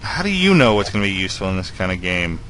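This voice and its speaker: A man's voice: sits low, very animated, quick pace, a bit bright, a little hiss or hum. A man giving casual let's play commentary, musing aloud to himself.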